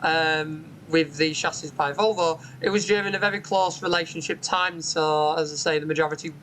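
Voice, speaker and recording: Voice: mid-range voice, steady tone, normal speed, a bit bright, a little hiss or hum, poor audio. A bus simulator channel host giving casual gameplay commentary from home, chatty and explanatory, with frequent "um" fillers. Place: home room with a window onto a street.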